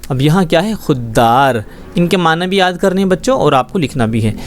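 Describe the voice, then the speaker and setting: A man's voice: on the high side, expressive, faint music behind. A man teaching a schoolbook Urdu lesson, explaining words patiently and often checking that students follow. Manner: patient, explains slowly with frequent check-ins.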